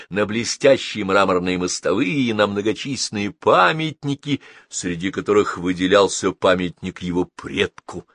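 A man narrating an audiobook in an animated, dramatic reading style. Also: fairly low pitch, no room sound, clean studio sound.

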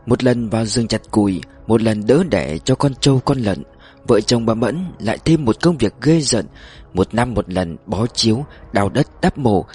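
A man narrating a story in a measured audiobook style, slowing down for emphasis. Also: medium pitch, a little mellow, slightly rough.

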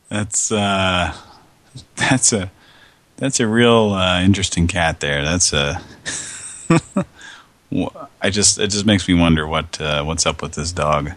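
Deep, slow, hoarse radio host. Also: male voice, a bit bright, no echo. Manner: rambling, meandering, chuckling often. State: hoarse, scratchy throat. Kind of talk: casual radio chat.

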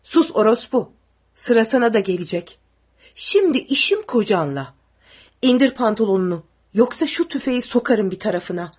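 A woman voicing a brutal tall male soldier who barks threats and orders, with a husky voice. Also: mid-range voice, expressive, moderate pace, a little mellow. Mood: vicious.

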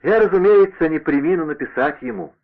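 A man's voice: fairly high pitch, lively intonation, a little fast, voice pushed up, lightly acted. A man voicing a fat, aging male servant who talks in a mournful, deferential way. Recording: narrow radio-like sound.

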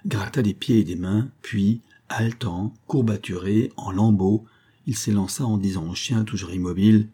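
A man narrating a classic adventure novel in a measured, steady storytelling manner. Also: fairly low pitch, husky. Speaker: audiobook narrator.

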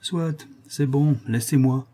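A man voicing a middle-aged politician who speaks gruffly and impatiently. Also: medium pitch, slow, mellow. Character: middle-aged male politician, smug, irritable.

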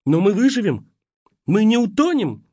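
A man voicing a frightened young woman in a storm who pleads and shouts in desperation. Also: on the high side, lively intonation, slow pace, breathy edge, no echo, pitched above the performer's own voice, full character voice. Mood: pleading. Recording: dull lo-fi audiobook recording.

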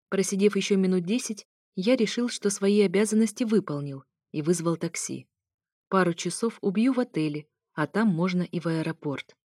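A woman reading a first-person story aloud as scripted narration, in a steady storytelling manner. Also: medium pitch, dry recording, studio quality. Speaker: audiobook reader.

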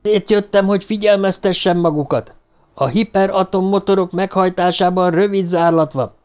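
Man putting on a desperate young man, high and loud. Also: steady tone, close to an everyday voice. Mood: urgent pleading. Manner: pleading, shouting. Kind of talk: audiobook narration.

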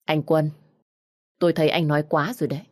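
A woman's voice: sits low, little pitch movement, fast talker. A woman reading a firm young mother. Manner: firm, then anxious toward her child.

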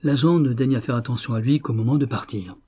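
A man narrating an audiobook in a steady, measured storytelling manner. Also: mid-range voice, husky.

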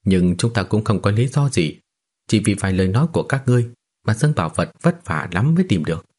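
A shrewd cultivator master who keeps his cool and argues his case step by step, voiced by a male narrator. His voice is low and slightly husky. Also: lively intonation, fast, a little mellow. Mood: calm.

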